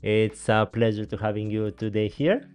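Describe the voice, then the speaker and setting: A Greek man in his thirties hosts a casual podcast interview in a small studio, using a boom-arm studio mic and headphones. His voice is low-leaning, steady, darkish and clean at a normal pace, with faint music behind. He's chatty, laughs often and speaks with a Greek accent and non-native grammar.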